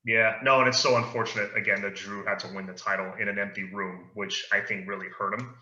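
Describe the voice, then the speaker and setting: Male co-host, casual chat, leads the talk; sharp, bright tone, roomy echo. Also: on the low side, fairly even intonation, quick pace. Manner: easygoing, opinionated, leads the discussion. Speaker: podcast co-host. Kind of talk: casual chat about wrestling. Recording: echoey room, dull lo-fi sound.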